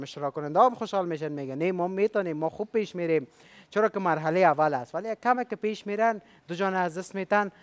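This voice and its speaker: A man's voice: high voice, clean tone. A man with an Afghan Dari accent hosting a game show, upbeat and chatty, coaxing the contestants with questions.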